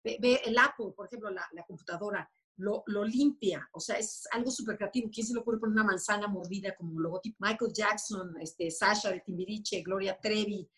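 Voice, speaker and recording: A woman explaining personality types in a lively, conversational way, often acting out little quoted voices. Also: mid-range voice, brisk, few pauses, husky. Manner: animated, acts out quoted voices. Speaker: enneagram expert guest.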